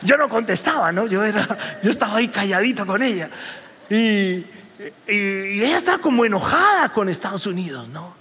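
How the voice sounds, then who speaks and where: A man preaching a sermon as pastor, animated and rising to near shouts. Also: high voice, brisk, big-room sound.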